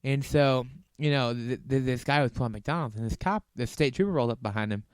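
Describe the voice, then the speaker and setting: A man's voice: mid-range voice, brisk, clear, resonant tone, dry recording. A young man co-hosting a casual podcast, telling a long rambling story with frequent restarts and laughs. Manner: rambling, laughs through his stories, many restarts. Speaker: podcast co-host.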